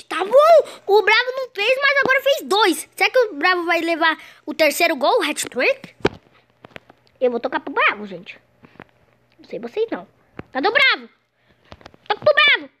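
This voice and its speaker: Very high, excitable young gamer girl. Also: noisy background. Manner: excitable, shrieks at goals, keeps saying "gente". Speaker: gameplay commentator. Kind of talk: excited gameplay commentary.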